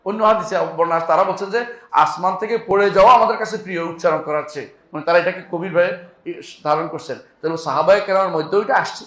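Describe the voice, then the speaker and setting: A man's voice: high voice, very fast, fairly bright tone, echoey room. A male preacher giving a conversational sermon, often asking his listeners rhetorical questions. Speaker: Islamic preacher.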